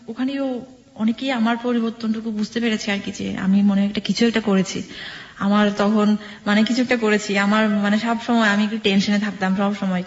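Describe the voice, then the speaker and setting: A young woman from Khagrachhari telling her life story on a radio show in a conversational way, full of fillers, acting out what others said. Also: medium pitch. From Khagrachhari, Bangladesh. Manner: conversational, acts out others' words, many fillers. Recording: dull, roomy studio sound.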